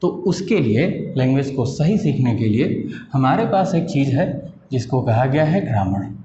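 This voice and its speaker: A man teaching a patient, explanatory lesson, asking rhetorical questions and slowing down on key terms. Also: medium pitch, sing-song, dark tone, a little hiss or hum. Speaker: English teacher. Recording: echoey room, dull lo-fi sound.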